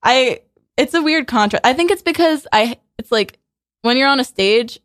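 A woman in her twenties chatting as a guest in a radio studio interview, sarcastic and quick to laugh, with lots of "like" fillers. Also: high voice, expressive, fairly bright tone, dry recording. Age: 20s. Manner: chatty and sarcastic, laughs often, heavy use of "like". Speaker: guest musician. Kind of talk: casual interview chat. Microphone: studio mic.

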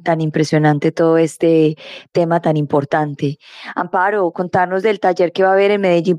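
A woman's voice: on the low side, a little mellow, no room sound. A woman hosting an interview, agreeing with her guest and adding to her points. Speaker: interview host. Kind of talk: conversational interview.

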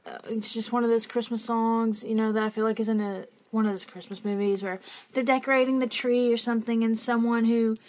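A woman's voice: a little high, fairly even intonation, a little fast, a little mellow. Chatty woman podcast co-host. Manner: chatty, laughs often, many fillers. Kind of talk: casual chat.

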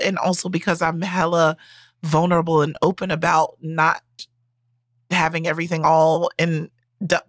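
A woman's voice: lowish voice, dry recording, studio quality. A woman co-hosting a casual podcast chat, sassy and slangy, laughing often and calling people baby. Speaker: co-host.

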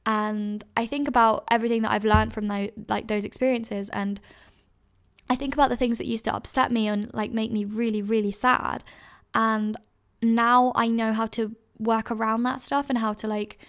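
Chatty young woman with a creaky voice. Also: on the high side, fairly even intonation, normal speed, fairly bright tone. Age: 20s. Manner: chatty, many fillers and self-corrections. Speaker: podcast host. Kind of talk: casual advice chat.

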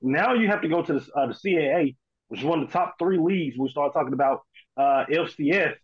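A man's voice: fairly high pitch, lively intonation, quick pace, husky, highs cut off. A man giving casual, informal sports commentary as a panel analyst. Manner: informal, conversational, often says "man".

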